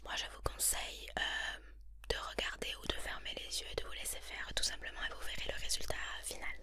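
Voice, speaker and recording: Whispering southern French woman, fussy hairdresser role-play. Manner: rapid, bossy whispering with repeated tag questions. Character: haughty, fussy, tactless female hairdresser. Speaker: ASMR performer playing a hairdresser.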